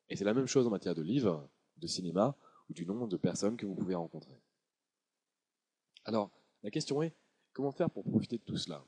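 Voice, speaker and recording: Low, mellow male voice-over. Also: husky. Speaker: author presenting his book. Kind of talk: scripted promotional voice-over.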